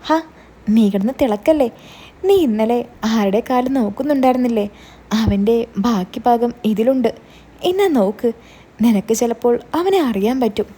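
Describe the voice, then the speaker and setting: A woman's voice: fairly high pitch, lively intonation, moderate pace, mellow, husky. Woman reading as a taunting young man. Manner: mocking, goading.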